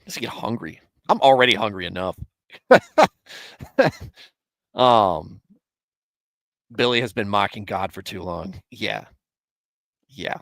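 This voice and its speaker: A streamer in his thirties hosts a casual live Bible show, answering viewers in a rambling, self-correcting way and chuckling often. His voice is on the low side, gravelly and a bit bright, and he talks slowly with long pauses. The recording is dry.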